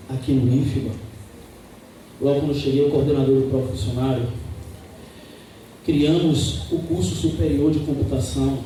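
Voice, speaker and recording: A man's voice: fairly high pitch, mellow, slight background noise. A man from Salvador, giving an earnest, emphatic opening statement as a candidate in a campus debate, repeating his key phrases. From Salvador, Brazil. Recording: echoey room, voice picked up from far off.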